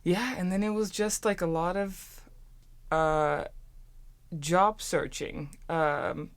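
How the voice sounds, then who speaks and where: Taking her time, a student co-host in her twenties tells her story in a chatty style, restarting frequently, with a fairly low, steady voice. She is from Turkey and a native speaker of German.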